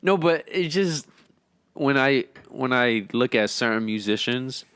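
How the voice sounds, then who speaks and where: A man's voice: mid-range voice, expressive, measured pace, a bit bright, smooth, dry recording. Earnest young man in his twenties, dry sound. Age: 20s. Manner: reflective, earnest, says "bro" and "dude". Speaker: podcast co-host. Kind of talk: casual chat.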